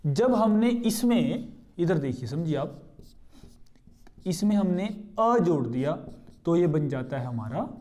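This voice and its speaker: A man with a high but mellow voice teaches a grammar lesson. He poses questions to his students and answers them himself, pointing to what he has written and repeating key terms slowly. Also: lively intonation. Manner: points to what he writes on a board. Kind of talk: explanatory lesson.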